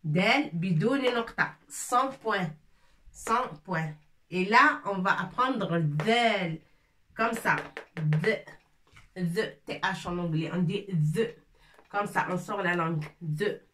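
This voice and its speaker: A woman gives a slow, patient lesson, saying words again and again and breaking them into sounds. Her voice is mid-pitched and comes from a little off the mic. The room around her is echoey. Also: fairly bright tone, distant mic, slight background noise. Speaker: Arabic teacher.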